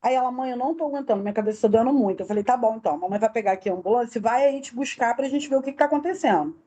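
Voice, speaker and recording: Woman, middle-aged, fairly high voice, warm and mellow, detailed emotional testimony, acts out quoted dialogue. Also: rapid-fire. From Brazil. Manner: tells the story in detail, acting out quoted dialogue. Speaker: interview guest, bereaved mother.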